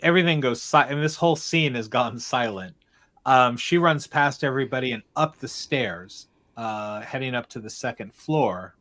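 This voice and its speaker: A man narrating a tabletop game as game master, halting and filling pauses with ums and uhs. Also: medium pitch, a bit bright.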